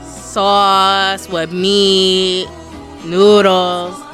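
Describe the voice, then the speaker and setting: A young woman hosts a school show, chatting casually with people. She teases playfully and presses them for answers. Her voice sits at a middle pitch, with faint music playing underneath. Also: level tone, very slow, fairly bright tone. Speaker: student host of a school show. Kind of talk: casual interviewing.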